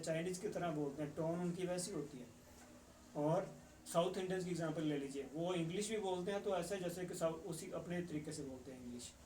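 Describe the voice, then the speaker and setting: Patient teacher in an echoey room. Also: male voice, on the high side, darkish tone, slight background noise. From Punjab. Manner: patient, slow explaining, switching into English phrases. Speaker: English teacher. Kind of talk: explanatory lesson. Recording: echoey, distant room mic with faint ambience.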